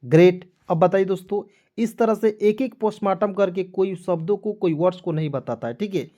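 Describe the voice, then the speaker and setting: Male English teacher, mellow voice, letter-by-letter spelling lesson, repeats each word, answers his own questions. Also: sits high, brisk. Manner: repetitive, asks questions and answers them himself.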